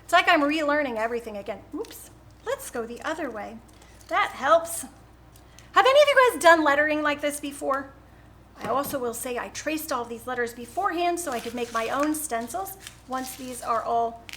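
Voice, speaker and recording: Bright high-voiced woman chatting at home. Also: lively intonation, moderate pace, slight background noise. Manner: chatty and rambling, laughs often. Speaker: host of a live painting stream. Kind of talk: casual chat while painting.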